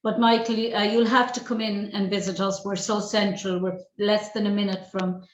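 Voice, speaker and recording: A woman's voice: mid-range voice, level tone, normal speed, lo-fi sound, a little hiss or hum. Irish woman hosting, in an echoey room. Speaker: show host, interviewer. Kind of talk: casual interview chat. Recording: echoey, roomy sound.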